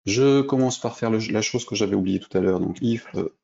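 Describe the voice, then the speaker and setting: A man's voice: fairly low pitch, fairly quick, creaky, a little mellow, lo-fi sound. A French man giving a screen-recorded coding lesson, thinking aloud with many fillers and restarts as he clicks through steps. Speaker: programming instructor.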